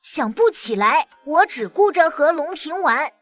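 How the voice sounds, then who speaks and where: A cheeky little boy about to start kindergarten, voiced by a woman in a cartoon drama. His voice is very high and leaps all over, with a chatty, blunt, childlike way of talking. Soft music plays behind him. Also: very animated, a little slow. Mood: chirpy. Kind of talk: animated drama dialogue.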